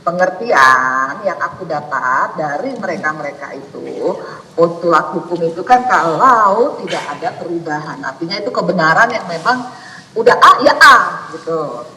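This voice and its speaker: Woman on a phone recording played back in a big echoey room, bright voice, lots of uh and nah. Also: on the low side, lively intonation, moderate pace, slight background noise. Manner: explains at length, hedging with many fillers. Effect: recorded phone call played over courtroom loudspeakers. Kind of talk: casual phone conversation. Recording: echoey hall audio played from far off.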